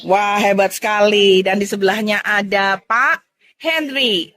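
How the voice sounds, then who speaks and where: A woman's voice: medium pitch, a little slow, a bit bright. A woman hosting a casual, chatty interview, exclaiming and encouraging her guests.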